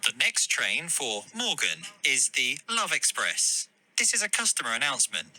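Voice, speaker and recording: A man's train station announcement, played back from a phone held up to the microphone, in a slow, formal announcing manner. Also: mid-range voice, huge pitch swings, pushed and bright, poor audio. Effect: played from a phone held up to the mic.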